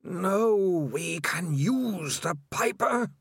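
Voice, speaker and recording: A man voicing a malevolent, hissing creature that speaks into the mind, slow and drawn out. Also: high voice, expressive, creaky, breathy edge, no room sound, clean studio sound, voice pushed up, heavily acted. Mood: menacing. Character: hissing malevolent many-minded rat creature voice.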